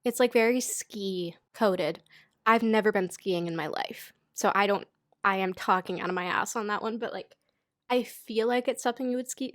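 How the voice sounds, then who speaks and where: Her nose thoroughly blocked, a twentysomething American woman who makes knitting videos runs down her seasonal pattern favorites in a mid-range voice. The sound is dry and studio-grade, and her tone stays casual, chatty, and self-deprecating.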